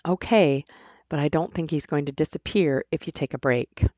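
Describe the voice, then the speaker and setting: A woman voicing a patient young woman friend who gently teases. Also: sits low, normal speed, no room sound, muffled recording, natural voice. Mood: chiding.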